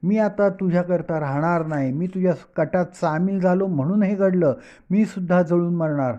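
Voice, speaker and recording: A man playing a furious, grief-stricken king who hurls accusations forcefully. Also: sits high, normal speed, close to an everyday voice. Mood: furious grieving. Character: enraged grief-stricken king, fierce and proud. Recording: dull lo-fi recording.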